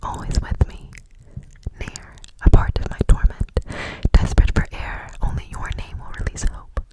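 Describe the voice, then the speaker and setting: A woman whispering close to the mic in an ASMR poetry reading, softly repeating words as triggers. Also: moderate pace, low-quality recording. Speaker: ASMR creator.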